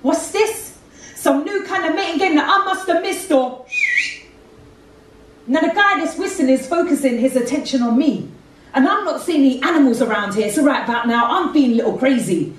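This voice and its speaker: A woman with a high, expressive voice delivers spoken word poetry at a moderate pace, her rhythm carrying a street inflection. She holds a handheld mic on a red-curtained theatre stage. The far camera makes her sound distant, with heavy hall echo.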